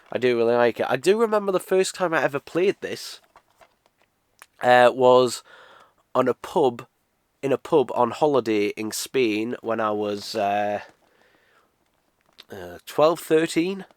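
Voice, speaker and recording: This medium-pitched voice, recorded in clean studio sound with no echo, belongs to a British man in his twenties who is nasal from a cold. He talks through a casual game unboxing review in a rambling way, with many uhs and restarts.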